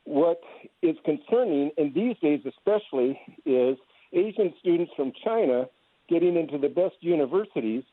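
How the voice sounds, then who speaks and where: A man calling in to a talk radio show, speaking in a measured, hesitant way with fillers over the phone. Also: a little high, lively intonation, no echo. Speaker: caller. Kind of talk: call-in talk. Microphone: telephone. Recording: tinny phone line.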